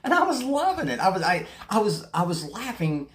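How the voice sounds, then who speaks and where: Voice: medium pitch, wildly swooping pitch, brisk. A recovery meeting host speaking candidly to viewers, blunt and passionate, swearing freely and restarting sentences often. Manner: rambling with repeated restarts. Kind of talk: candid recovery talk to camera.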